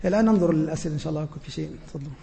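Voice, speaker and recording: A man teaching as a sheikh, answering students' questions in an earnest, humble way with frequent hesitant pauses. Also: fairly high pitch, vocal fry, mellow, in a large hall. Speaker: sheikh teaching a religious lesson.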